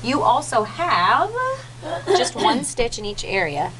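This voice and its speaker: A woman's voice: fairly high pitch, very animated, slow pace, very noisy. A woman working as a nurse, giving patient instructions in a reassuring, informal, explanatory way. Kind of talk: patient instructions in casual chat.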